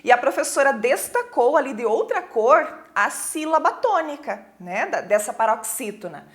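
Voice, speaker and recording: A high-pitched, sing-song Brazilian woman conducts a recorded school lesson with a Brazilian Portuguese accent. Patient in her explanations, she checks in with the class and reads poems aloud slowly.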